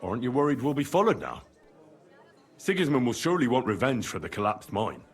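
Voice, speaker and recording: A man's voice: mid-range voice, sing-song, a little fast. An actor playing an earnest, polite young male hero in a medieval video game.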